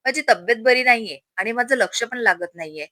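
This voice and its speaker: A woman's voice: on the high side, lively intonation, a little fast, pushed and bright, no echo. Woman narrator doing a weary, lovesick young man, dry, close. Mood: downcast. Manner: subdued, weary.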